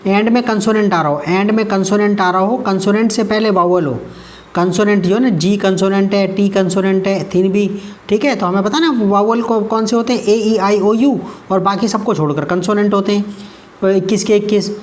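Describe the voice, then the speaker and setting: A man's voice: high voice, fairly even intonation, moderate pace, a little mellow. A man teaching English grammar, repeating each word and asking himself questions, then answering them. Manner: repeats words, asks and answers own questions. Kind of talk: explaining grammar lesson.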